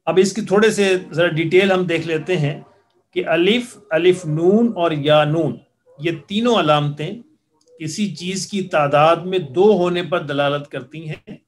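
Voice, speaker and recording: A man teaching Arabic grammar for the Quran in a patient lecture style, repeating word forms slowly for his students. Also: fairly high pitch.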